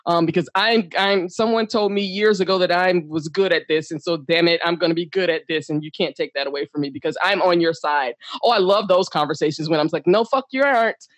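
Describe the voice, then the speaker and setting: A woman guest in casual chat, an animated storyteller who acts out quotes, swears freely and laughs often. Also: on the low side, a little fast, hardly any pauses, no echo.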